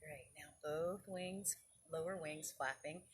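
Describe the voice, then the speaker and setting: A woman with a low, husky voice speaks at a slow pace while leading children's yoga and storytime. She gives informal, encouraging, step-by-step guidance and tells stories from picture books.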